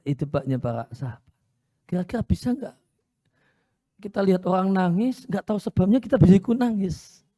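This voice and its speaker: Man preaching in a warm, dry voice. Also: sits high, no room sound. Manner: storytelling, repeats phrases for emphasis. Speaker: Islamic preacher. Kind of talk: sermon lecture. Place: Islamic boarding school.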